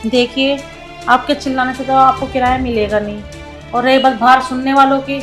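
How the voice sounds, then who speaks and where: A woman's voice: high-pitched, level tone, brisk, fairly bright tone, echoey room, faint music behind. An actress playing a young tenant who pleads and argues with her landlord over late rent. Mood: pleading. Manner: pleading, defensive, explanatory. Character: struggling young female tenant, pleading but firm. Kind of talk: low-budget comedy film acting.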